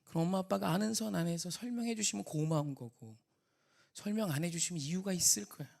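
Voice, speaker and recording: A man preaching a sermon as pastor, rising to shouts and dropping to soft near-whispers. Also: high-pitched, fast, vocal fry.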